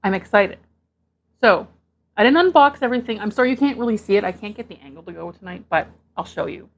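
A woman from Canada hosting her own mukbang video, chatting casually and getting excited over each dish as she unpacks it. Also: medium pitch, fast talker, vocal fry. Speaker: mukbang host.

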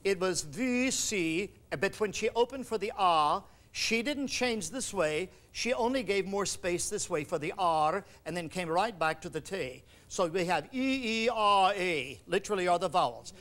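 A man leading a choral workshop, coaching singers with quick commands and questions. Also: high-pitched, expressive, a bit bright. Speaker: choral conductor teaching a workshop. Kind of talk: instructional workshop talk.

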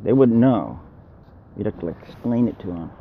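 A man's voice: lowish voice, big pitch swings, moderate pace, gravelly. A man in his fifties grumbling and rambling casually to camera, often repeating himself. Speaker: vlogger. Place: outdoors, car window and laundromat. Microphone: phone held at arm's length. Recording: muffled handheld phone recording with hum.

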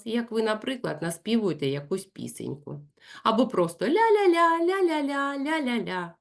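A woman running a consultation for parents, speaking slowly and clearly and acting out lively sing-song examples. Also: medium pitch. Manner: addresses parents directly, gentle and instructive. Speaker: speech therapist consulting parents.

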